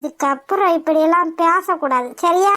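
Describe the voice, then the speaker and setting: A woman's voice: very high-pitched, moderate pace, pushed and bright. A woman voicing an old grandmother in a cartoon who scolds out of affection. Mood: scolding. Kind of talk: cartoon voice acting.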